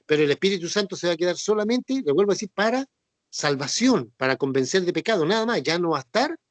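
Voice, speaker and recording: High-voiced man preaching a Bible lesson. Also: animated, fast talker, dry recording. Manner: repetitive, checks understanding with tag questions. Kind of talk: Bible teaching sermon.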